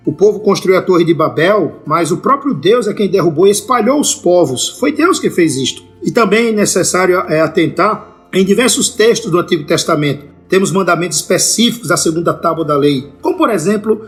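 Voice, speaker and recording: A man's voice: high voice, lively intonation, fairly quick, fairly bright tone, faint music behind. A male pastor giving a scripted answer to a listener's question, working methodically through scripture references and speaking straight to the listener. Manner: methodical, addresses the listener directly.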